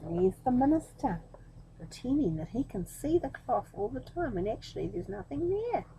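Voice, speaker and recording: In a mellow, high, somewhat gravelly voice, a woman reads a children's storybook at a moderate pace, adding chatty asides and speaking directly to her young listeners. Her intonation is very varied and expressive. The audio is poor, with faint room noise behind her.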